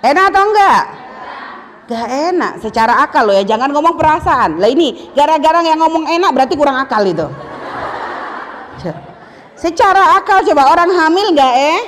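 A middle-aged woman preaches to women in a high, lively voice. She teases her listeners and acts out the voices she quotes. The sound rings with a long hall reverb. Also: moderate pace, long pauses. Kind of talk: religious talk to women.

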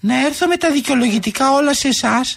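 A man's voice: very high voice, creaky, crowd noise. A man on a prank phone call, playing a pleading middle-aged woman who keeps apologizing and whining. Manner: overly apologetic, whiny, tearful pleading. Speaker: prank caller.

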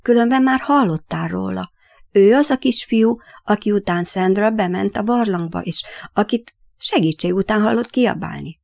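A calm, earnest young boy from a storybook who talks in a steady, reassuring way, as a woman reads his part. There is a slightly gravelly texture, and the recording is dry and a bit dull. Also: medium pitch, no room sound, lightly acted.

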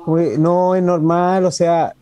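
A man's voice: sits high, little pitch movement, a little slow, warm tone. A man with a Chilean accent co-hosting a radio talk show, chatting casually, rambling and joking with slang. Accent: Chilean Spanish. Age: adult parent. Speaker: radio co-host.

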